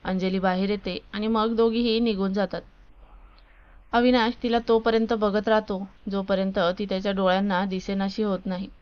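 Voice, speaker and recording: A woman storyteller reading a scripted story in a steady, even way. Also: mid-range voice, normal speed, smooth, dull audio.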